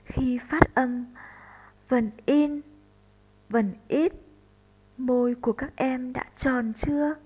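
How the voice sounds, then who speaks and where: A woman primary school teacher from northern Vietnam giving a slow recorded lesson for first graders, spelling out sounds deliberately. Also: high-pitched, steady tone, darkish tone, rough recording.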